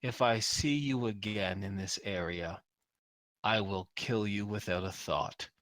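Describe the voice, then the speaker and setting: A man's voice: on the low side, fairly bright tone, no echo, pitched below the performer's own voice. A man playing a cold, menacing cyborg killer. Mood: cold menace. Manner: direct, deliberate, threatening. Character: menacing, matter-of-fact male cyborg killer. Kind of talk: tabletop game role-play.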